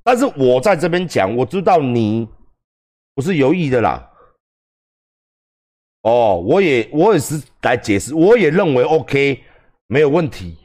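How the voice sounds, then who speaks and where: A man's voice: medium pitch, very animated, a little slow, pauses often, darkish tone. A man with a Taiwanese accent giving crude, profane, joking livestream commentary. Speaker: streamer.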